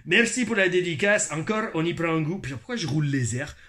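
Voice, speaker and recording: A man plays a cheeky, teasing Québécois guy, stretching his words into a mocking, playful drawl in a put-on Québécois accent. His voice is a little high, bright, and forceful, with lively intonation and a fairly quick pace.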